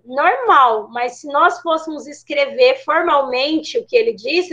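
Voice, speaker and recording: High-voiced Brazilian teacher on a call. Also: female voice, a bit bright. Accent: Brazilian Portuguese. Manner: explanatory, checks in with frequent tags. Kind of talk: online class lecture. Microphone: video call. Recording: dull lo-fi call audio.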